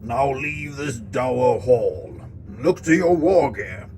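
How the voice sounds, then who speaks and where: A man voicing a stern older warrior-priest who makes slow, solemn pronouncements. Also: mid-range voice, expressive, crowd noise, low-quality recording. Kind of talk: audiobook-style story narration.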